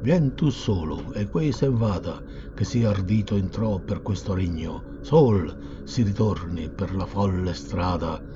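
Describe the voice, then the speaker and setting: A man voicing a haughty crowd of fallen male demons who speak in a commanding tone, in a dull recording with steady hiss. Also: sits low, measured pace, hardly any pauses. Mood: scornful.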